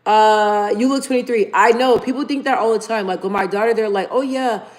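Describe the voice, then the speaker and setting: Her voice is a little high and her delivery brisk. She's a livestream host in her thirties who reads comments aloud and keeps things chatty and informal, addressing her audience as "you guys."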